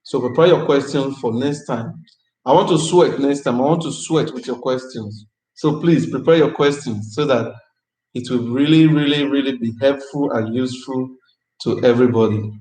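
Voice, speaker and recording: A man's voice: medium pitch, normal speed, a little mellow. Upbeat man hosting a live chat, roomy echo. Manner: repeats phrases, chatty and upbeat.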